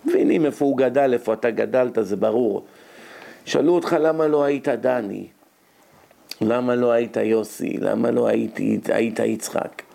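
A man giving a lively religious lecture as a rabbi, rhetorical and animated, his voice jumping up when he scolds. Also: mid-range voice, creaky. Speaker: rabbi giving a Torah lesson.

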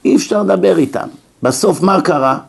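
A rabbi giving a religious lecture, telling anecdotes and asking rhetorical questions. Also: male voice, high voice, lively intonation, creaky, breathy edge. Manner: storytelling, acts out quoted people, rhetorical questions.

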